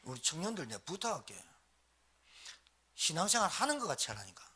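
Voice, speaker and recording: Brisk and very animated, a male pastor's fairly high, husky voice carries a sharp tone. During a live service in the church sanctuary, he exhorts the congregation with short repeated phrases and calls for response.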